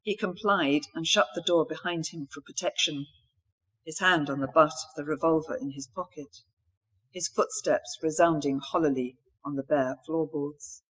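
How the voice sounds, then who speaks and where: A woman author reading a mystery novel aloud in a steady, even storytelling manner. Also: low-pitched, normal speed, slightly rough.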